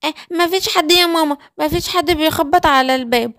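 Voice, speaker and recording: A whiny little boy monkey from a children's cartoon, complaining in Egyptian Arabic, as a woman puts him on. He talks in a high, childish voice. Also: fast, a bit bright, dry recording, studio quality.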